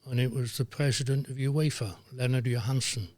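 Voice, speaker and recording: An older man, a former referee telling lively anecdotes as a guest, dropping into voices for the people he quotes. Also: medium pitch, a little fast, dry recording, studio quality. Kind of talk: anecdotal storytelling.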